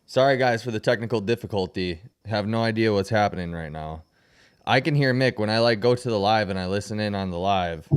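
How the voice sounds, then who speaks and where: A man's voice: lowish voice, brisk, clear, resonant tone. A young man hosting a casual livestream, laid-back and slangy, often trailing off mid-sentence. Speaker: livestream host.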